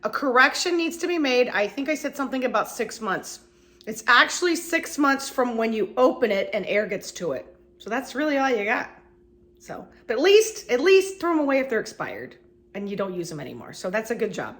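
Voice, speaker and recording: Brisk and very animated, a middle-aged vlogger with a fairly high, a bit bright voice talks through a cleaning session in her home kitchen. She is congested with a cold, chatting, rambling and poking fun at herself along the way.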